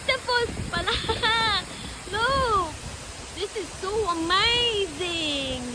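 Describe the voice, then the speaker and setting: A woman vlogging excitedly on a rocky waterfall hike, often out of breath. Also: extremely high pitch, very slow, heavy background noise. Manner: excited, exclamatory, mixing in English. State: out of breath from hiking. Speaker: travel vlogger. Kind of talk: travel vlog narration. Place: outdoors at a waterfall on rocky trail. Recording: loud waterfall roar behind voice.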